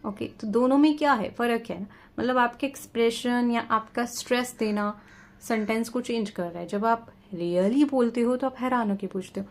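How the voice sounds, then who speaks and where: A woman teacher explaining a lesson step by step, checking in often and reading out definitions slowly. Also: a little high. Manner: reads English definitions slowly and carefully. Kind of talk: exam-prep lesson.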